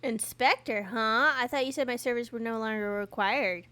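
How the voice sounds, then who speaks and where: A woman's voice: on the high side, moderate pace, pushed and bright, clear, resonant tone. A woman hosting a gaming video, giving playful commentary as she plays and answering the characters.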